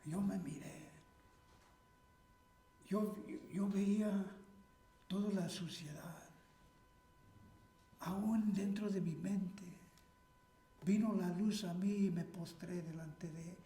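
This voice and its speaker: A man preaching a sermon in a high, mellow voice, slow and deliberate. He is emphatic, repeats his phrases and hits stressed words hard. The recording is echoey, as in a church hall. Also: steady tone. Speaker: pastor.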